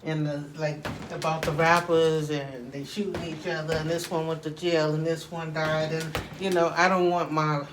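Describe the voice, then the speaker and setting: A man's voice: fairly high pitch, little pitch movement, moderate pace, hardly any pauses, a crowd in the background. A man chatting casually to camera while working out on a punching bag, rambling and often checking that the listener follows. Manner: rambling, frequent "you know what I'm saying" tags. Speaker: video creator. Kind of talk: casual workout vlog, talking to camera.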